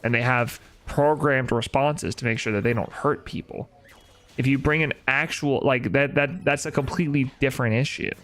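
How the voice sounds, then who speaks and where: A man's voice: medium pitch, fairly even intonation, normal speed, fairly bright tone. A young man, chatting casually on a live stream, opinionated and answering his chat with rhetorical questions. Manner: opinionated, talks back to chat with rhetorical "right?".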